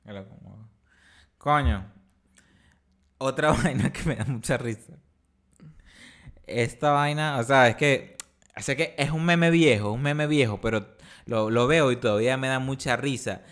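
A man's voice: medium pitch, unhurried, pauses often, a bit bright. A young man with a Venezuelan accent, hosting a podcast in casual chat, slangy and repeating himself. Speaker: podcast host.

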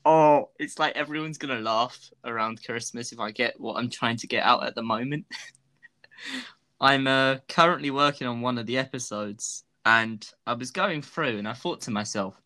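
Bright-voiced young man. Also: mid-range voice, moderate pace. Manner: laughs often, self-deprecating, rambling. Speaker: guest, fan video creator. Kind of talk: casual interview chat.

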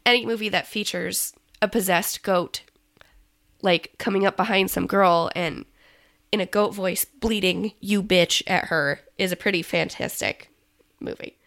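Chatty woman with a gravelly edge. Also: medium pitch, unhurried, fairly bright tone. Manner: chatty, many ums, laughs easily. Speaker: podcast co-host. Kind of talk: casual chat.

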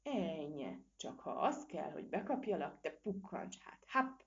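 A woman voicing a huge, hungry, lumbering male crocodile in a storybook reading, gruff and grunting. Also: deep voice, sing-song, full character voice. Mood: greedy. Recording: dull lo-fi recording.

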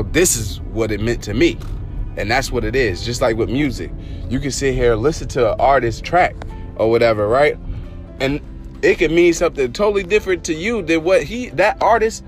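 A man hosting a motivational show, talking in a slangy, informal way and preaching conversationally with repeated rallying phrases. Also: mid-range voice. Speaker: host of a motivational podcast. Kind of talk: casual motivational talk.

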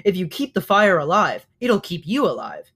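A reader voicing a kind, calm female robot in a storybook, speaking plainly and steadily. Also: mid-range voice, normal speed, slightly rough. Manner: plain, steady, louder speech.

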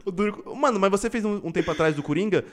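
A man hosts a casual podcast, talking quickly. His slightly raised voice rises and falls a lot as he teases his guest. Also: sits high, animated. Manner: playful teasing, laughs often. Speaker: podcast host.

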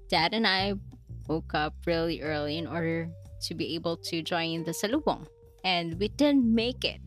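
A woman's voice: lowish voice, a bit bright. A young woman reads her diary entries aloud in a casual chat, breaking off for giggles and self-mocking asides. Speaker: vlogger reading her diary.

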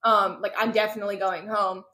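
A woman recaps a novel for her co-hosts in relaxed, easygoing chat. She slips into brief quoted lines and fills the gaps with plenty of "like" and "um." Her voice sits at an ordinary middle pitch. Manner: retells scenes with quick quoted voices, lots of fillers. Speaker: podcast co-host recapping a book. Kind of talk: casual chat.

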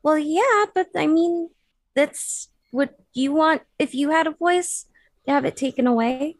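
A woman's voice: high-pitched, unhurried, dry recording. A woman playing a tabletop game, talking casually as she role-plays in her own voice. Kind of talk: casual in-character role-play.

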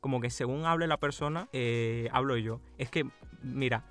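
A man's voice: mid-range voice, normal speed, a bit bright, faint music behind. A young man from Cuba who grew up partly in Spain, co-hosting a casual podcast chat in a Madrid accent with a Cuban touch. He laughs often and restarts his sentences. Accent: Madrid Spanish with a Cuban touch. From Cuba, raised partly in Spain. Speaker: podcast co-host.

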